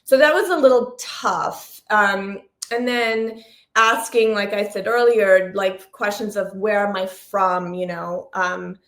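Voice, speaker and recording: Recorded with a roomy echo, an interview guest who works as a producer and journalist speaks in a slow, steady, mid-range voice that's a bit bright. She has an American accent and ties to Sri Lanka, Massachusetts in the United States, and France. Her talk is reflective and casual, with frequent restarts and rephrasing.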